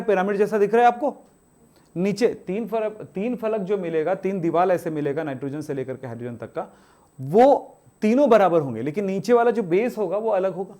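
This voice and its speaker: Man teaching chemistry, mellow voice. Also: high-pitched. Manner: asks students questions and answers them himself; strict, scolding about homework. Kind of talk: classroom lecture.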